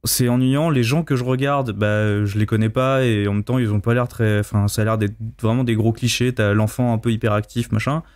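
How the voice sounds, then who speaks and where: Man, casual film discussion, blunt, dismissive, colloquial, average pitch, dry recording. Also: fairly even intonation, brisk, few pauses, a little mellow, no room sound.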